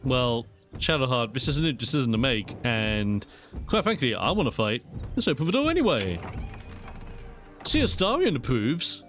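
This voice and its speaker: A young man giving casual, chatty and expressive let's play commentary on a video game. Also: medium pitch, normal speed, muffled recording, faint music behind. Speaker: gaming video host.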